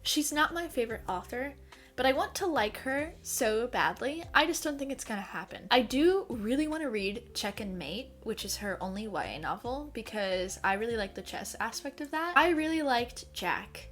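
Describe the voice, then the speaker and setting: Animated young woman gushing about books. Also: a little high, normal speed, soft background music. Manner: animated and expressive, swings from dramatic outrage to gushing. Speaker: book vlogger. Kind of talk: casual book review monologue.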